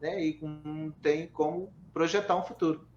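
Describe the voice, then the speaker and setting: A man hosts a live-streamed interview, speaking with enthusiasm as he asks questions and reads out comments. His voice sits a little high for a man, and it comes over a roomy, muffled line. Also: fairly even intonation, moderate pace, a little mellow, a little hiss or hum. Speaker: interview host. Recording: dull, roomy remote audio.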